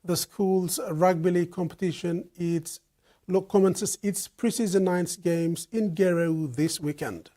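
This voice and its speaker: A man reading the evening news in a measured, formal way. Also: high-pitched, warm tone. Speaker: news presenter.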